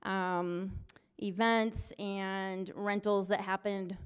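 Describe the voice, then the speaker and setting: A woman in her forties, a recreation coordinator presenting at a city meeting in an upbeat, loud lifeguard voice with many fillers. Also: mid-range voice, flat delivery, drawn-out words, clean tone. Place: city council meeting room.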